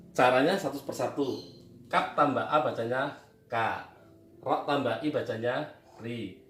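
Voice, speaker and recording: A man with a medium-pitched, fairly bright voice teaches Quran reading at a whiteboard. He is patient and repetitive, posing questions and answering them himself. The recording is echoey, with a distant mic and faint noise.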